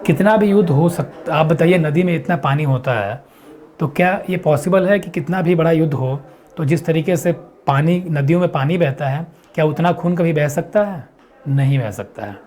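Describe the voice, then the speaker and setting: A man teaching an exam-prep lesson, explaining step by step and answering his own questions, reading quiz lines slowly. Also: fairly high pitch, a little mellow. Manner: reads English quiz lines slowly and deliberately.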